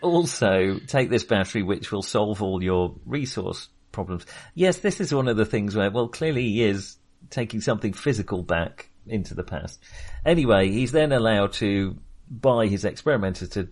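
Speaking at a moderate clip in a fairly low, expressive voice with a somewhat dark tone, a man co-hosts a laid-back film podcast. His talk wanders, and he often breaks off mid-thought while searching for words.

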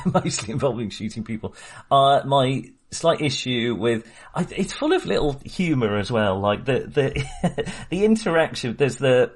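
A podcast co-host with a mid-range voice and lively intonation talks a little slowly as he chats casually about a film. His talk rambles, and he often restarts sentences and laughs along the way.

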